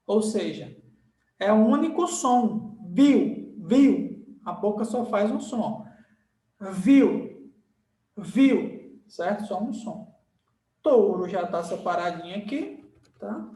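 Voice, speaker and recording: A man's voice: high voice, animated, slow pace, long pauses, warm tone, recorded from a distance. A male teacher gives a grammar lesson at a board. He repeats words and checks in often to make sure the class follows. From Brazil. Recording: echoey room, voice off-mic.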